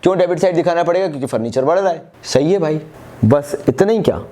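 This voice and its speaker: A man's voice: fairly high pitch, lively intonation, fast, dark tone. A man teaching an online accounts class with an Indian accent, chatty, calling students "yaar" and answering his own questions. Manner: calls himself "Baba ji". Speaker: commerce teacher.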